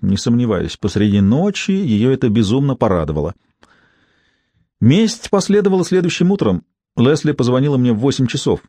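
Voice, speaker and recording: A man's voice: medium pitch, very animated, brisk, mellow, no echo. A man narrating a first-person audiobook in a dry, ironic storytelling manner.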